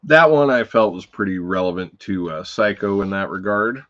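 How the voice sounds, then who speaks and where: A man's voice: lowish voice, moderate pace, a bit bright, highs cut off. A man hosting a casual livestream about films, talking in a rambling, profane way, full of fillers. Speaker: livestream host.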